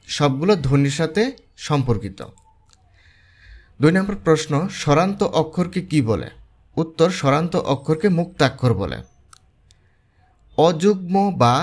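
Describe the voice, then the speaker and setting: A man with a Bangladeshi accent explaining exam answers as a tutor, walking through examples slowly and steadily. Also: on the high side. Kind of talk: explanatory lesson.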